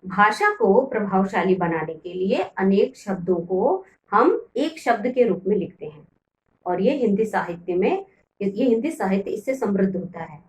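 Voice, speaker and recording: A woman teacher explaining a lesson to children slowly, repeating each key word. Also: mid-range voice, lively intonation, a little mellow. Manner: slow, repeats key words for pupils. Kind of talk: classroom lesson. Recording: echoey room, voice from far off.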